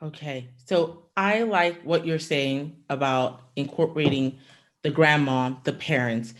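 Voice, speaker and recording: Affirming woman host. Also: sits low. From Nigeria. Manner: affirming, quick to agree. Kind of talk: interview.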